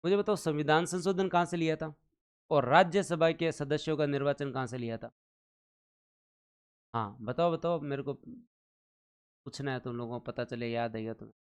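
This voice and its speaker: Smooth-voiced male teacher quizzing viewers. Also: on the high side, moderate pace, long pauses. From India. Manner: quizzes viewers, repeating questions and chanting numbers. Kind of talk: live online exam-prep lecture.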